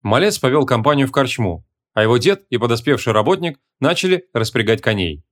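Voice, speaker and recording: A man narrating a humorous fantasy audiobook with a lively, expressive reading. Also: medium pitch, a little fast.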